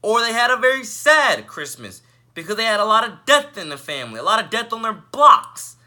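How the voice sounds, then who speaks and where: Young man, from Northeast Florida, passionate vlog rant, emphatic anchor-style delivery, swinging animated pitch. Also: fairly quick. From Northeast Florida, United States. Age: young adult. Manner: emphatic, repeats "ladies and gentlemen", anchor-like delivery. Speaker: vlogger. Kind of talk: passionate preachy rant to camera.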